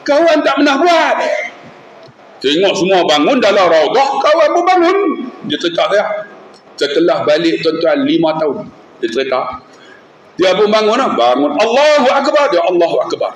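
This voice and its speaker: A man's voice: high voice, normal speed. A male preacher, giving a mosque lecture full of stories and acted-out voices. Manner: animated storyteller who acts out voices. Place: mosque hall. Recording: echoey mosque hall with faint hum.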